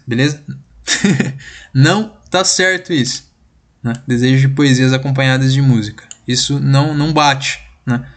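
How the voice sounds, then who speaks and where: Casting: Brazilian male teacher, voice on the high side, relaxed slangy delivery. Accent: Brazilian Portuguese. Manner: informal, slangy, checks in with "beleza?" constantly. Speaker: literature teacher. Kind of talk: casual online class.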